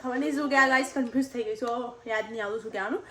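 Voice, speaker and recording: A woman's voice: on the high side, fairly even intonation, rapid-fire, a bit bright, a little hiss or hum. A young woman with a Gujarati accent, chatting casually in her family cooking vlog, calling her viewers "guys" and laughing often. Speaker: family vlogger.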